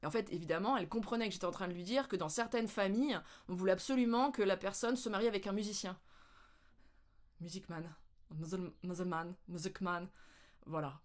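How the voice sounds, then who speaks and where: A French woman vlogging, telling anecdotes in a casual, animated way with lots of laughter. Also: medium pitch, very fast, few pauses. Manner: animated, laughing, with playful English mimicry. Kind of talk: casual storytelling.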